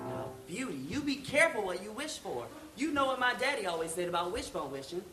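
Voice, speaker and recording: A woman's voice: mid-range voice, sing-song, fast, soft background music. A woman voicing a cheerful, folksy cowboy father who tells corny jokes, in live puppet-show acting. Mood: gentle. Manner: hearty, corny jokes, twangy folksy talk. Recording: echoey hall with loud crowd noise.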